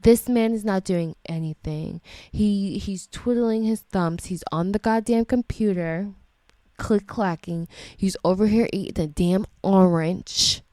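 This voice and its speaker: A woman's voice: medium pitch, measured pace, mellow, dry recording. A woman giving indignant reaction commentary as an educator, swearing freely and firing off rhetorical questions. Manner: indignant, profane ranting.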